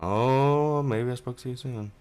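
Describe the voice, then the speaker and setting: A man's voice: medium pitch, takes it slowly, darkish tone, clear, resonant tone, soft background music. A young man giving casual, rambling let's play commentary at home, offhand and self-deprecating, on a modest mic. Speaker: gaming channel host.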